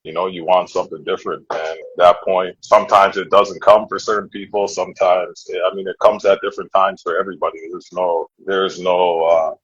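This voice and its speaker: Earnest and reflective, this interview guest from Nova Scotia, Canada, has a deep, very husky voice and keeps revisiting his words as he thinks in a candid conversation. He talks fairly quickly with hardly any pauses and little pitch movement, a bit bright, over a dull, dry, lo-fi remote call.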